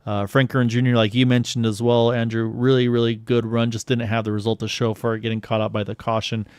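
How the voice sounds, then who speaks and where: A man's voice: medium pitch, quick pace, smooth, no echo, studio quality. A man giving play-by-play commentary on an online sim race, his voice climbing as the action heats up. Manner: excited, rising with the action.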